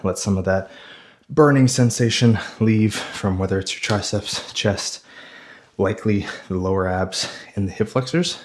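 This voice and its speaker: Fitness coach, male, winded and low-pitched, slow deliberate delivery, breathy rep counting. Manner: counts reps aloud, trailing off breathy mid-set. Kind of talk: follow-along workout instruction.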